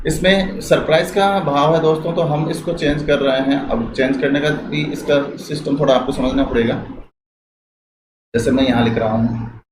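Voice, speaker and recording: A male teacher giving a lecture on English grammar, slowly dictating sentences as he writes them on the board and asking the class questions. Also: medium pitch, echoey room, background noise.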